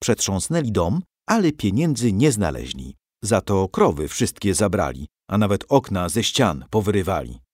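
A man narrating a historical storybook in a lively, animated way. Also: low-pitched, moderate pace, no echo, studio quality. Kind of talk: storybook reading.

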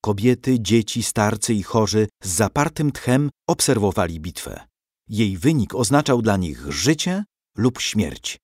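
A man reading a storybook aloud with dramatic, expressive narration. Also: on the low side, unhurried, no room sound, studio quality.

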